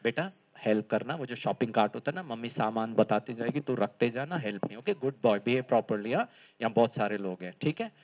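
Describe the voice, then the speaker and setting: A man's voice: animated, quick pace, dull audio, natural voice. A man voicing a tired mother who coaxes and scolds her young son. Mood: scolding. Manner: low, coaxing, admonishing.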